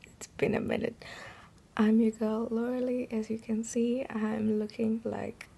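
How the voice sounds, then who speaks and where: A young woman with a croaky morning voice, chatting casually in a get-ready-with-me vlog and often dropping to a near-whisper. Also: a little high, unhurried, background noise. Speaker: beauty vlogger.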